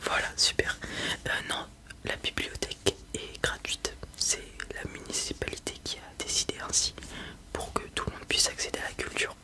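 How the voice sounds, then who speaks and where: Asmr whispered role-play, breathy librarian whispering politely right up close to the mic. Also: normal speed, sharp tone. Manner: polite, helpful customer-service patter. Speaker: ASMR performer playing a librarian.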